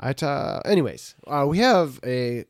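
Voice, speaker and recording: A man's voice: medium pitch, sing-song, measured pace, no echo, clean studio sound. A man co-hosting a podcast in casual, joking banter. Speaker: podcast co-host.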